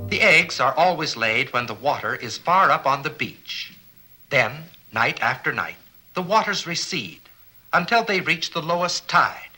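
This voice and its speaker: A man narrates an educational science film with a very bright, forceful tone. His pitch swings widely as he explains, earnest and posing questions to the audience. Faint music plays underneath. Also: lively intonation, unhurried, husky, low-quality recording. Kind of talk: scripted educational documentary narration.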